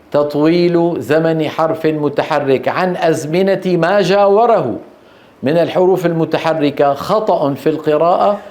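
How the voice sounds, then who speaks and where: A man's voice: fairly high pitch, a little mellow. Echoey male Quran teacher. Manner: asks the class questions and answers them himself, drawls out recited verses slowly. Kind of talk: classroom lecture with recited examples. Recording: echoey room.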